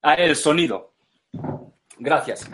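A man whose first language is English, lecturing slowly in a second language, repeating words and searching for terms as he explains. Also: fairly high pitch, lively intonation, a bit bright, a little hiss or hum.

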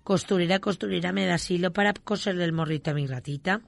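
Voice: medium pitch, fast talker, creaky, natural voice. A storyteller doing a lame little kitten. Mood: pleading. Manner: fond, pleading rhymed requests.

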